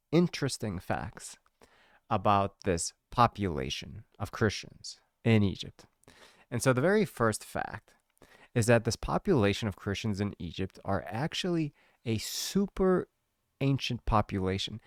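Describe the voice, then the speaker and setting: Man, casual educational talk, fairly low voice, dry close sound, chatty explainer. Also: no echo. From United States. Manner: chatty, explanatory, drawn-out emphasis on key words. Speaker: host explaining his church's history.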